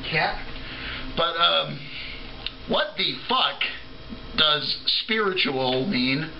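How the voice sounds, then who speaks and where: A man's voice: fairly high pitch, expressive, very slow, gravelly, bright, forceful tone, slight background noise, poor audio. A man giving an off-the-cuff, drunken, rambling opinion rant as a video blogger, trailing off, restarting and swearing freely.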